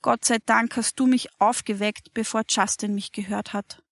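A woman voicing a frightened young boy who has just woken from a nightmare, telling it in a shaken, rushed way. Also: fairly high pitch, steady tone, gravelly, no room sound, studio quality.

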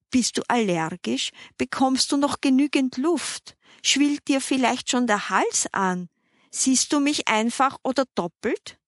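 A woman storyteller voices a frantic, fussy older lady who piles one anxious question on the next. The voice sits a touch high and the delivery is slow. The sound is close and dry. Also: dry recording.

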